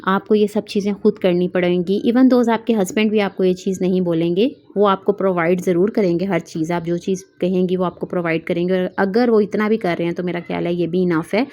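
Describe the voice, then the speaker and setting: A woman's voice: lowish voice, warm tone. A woman, giving casual, earnest advice to wives as a vlogger and mixing in English words. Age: 30s. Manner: earnest, mixes English words into Urdu-Hindi speech.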